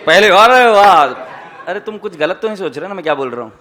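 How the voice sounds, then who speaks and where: A man teaching accounting to a classroom in a high voice. He jokes with the students and asks them question after question. He slips English phrases into his Hindi. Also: animated, rapid-fire, fairly bright tone, a faint crowd. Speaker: accounting lecturer. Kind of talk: classroom lecture.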